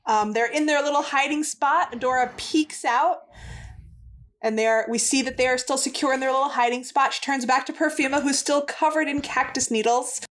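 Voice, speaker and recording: A woman's voice: sits high, fairly even intonation, normal speed, a bit bright. A woman co-hosting a podcast, chatting enthusiastically as she retells a cartoon episode. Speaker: podcast co-host. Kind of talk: casual episode recap.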